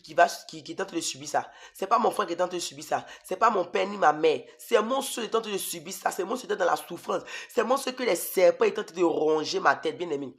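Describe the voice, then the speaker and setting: High gravelly-voiced preacher man. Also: fairly bright tone. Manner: repetitive, emphatic, addresses listeners as beloved. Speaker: preacher giving a testimony. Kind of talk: emotional testimony sermon.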